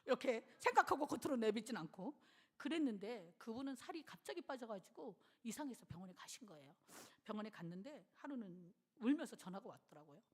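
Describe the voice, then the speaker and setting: A middle-aged woman pastor giving a sermon in a church, telling a personal story with emotion and acting out what others said. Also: fairly high pitch. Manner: animated, emotional storytelling, acts out quoted voices. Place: church sanctuary.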